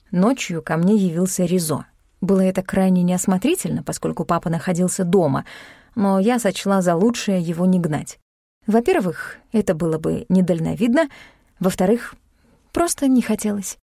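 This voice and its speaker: Female audiobook narrator, sardonic first-person read, mellow dry tone. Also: lowish voice, animated, moderate pace, dry recording.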